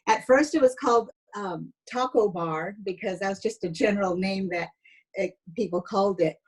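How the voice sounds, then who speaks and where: A woman in her fifties from San Jose, United States, an educator and former pastry chef, speaks as an interview guest in a chatty, casual storytelling style. Her mid-range voice has a breathy edge and moderate pace, and the audio quality is poor.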